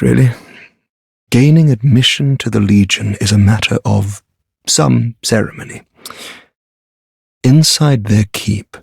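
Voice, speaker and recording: A man with a British accent playing a cynical, fatalistic undead deserter in a dark fantasy game, his voice husky and his delivery dry, drawling and sardonic. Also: mid-range voice, dry recording, full character voice. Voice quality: gravelly, husky.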